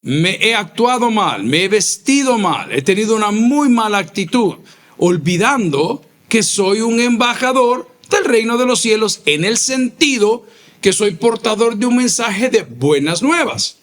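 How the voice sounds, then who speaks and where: A male pastor, preaching a sermon with emphatic repeated phrases and sudden rises in pitch. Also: lively intonation, measured pace, a bit bright. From El Salvador.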